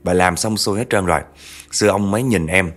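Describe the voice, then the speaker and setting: A male storyteller with a lowish voice, telling the tale in a chatty style and turning often to his listeners. Faint music runs under his narration. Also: brisk, a bit bright. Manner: chatty, addresses listeners directly. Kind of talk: narrating a true spooky family story.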